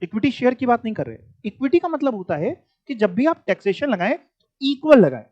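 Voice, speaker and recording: A man's voice: very high-pitched, big pitch swings, a little fast, a little mellow, no room sound. A male teacher giving a classroom lecture in a conversational way, mixing in English terms and teasing his students. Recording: dull, dry lecture audio.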